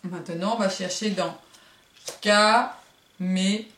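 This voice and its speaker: A woman teaching young children a phonics lesson, stretching out syllables and sounds slowly and clearly. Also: medium pitch. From France. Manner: slow, drawn-out syllables, sings sounds. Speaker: kindergarten teacher. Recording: echoey room, voice from a distance.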